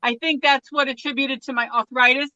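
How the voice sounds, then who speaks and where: Older American woman, bright dull audio. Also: high-pitched, steady tone, fairly quick, dry recording. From United States. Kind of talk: casual chat. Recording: dull, dry video-call audio.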